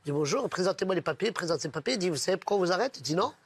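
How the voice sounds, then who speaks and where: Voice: medium pitch, animated, racing, breathy edge, no echo. A person telling jokes casually among friends, switching voices for each character. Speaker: joke teller.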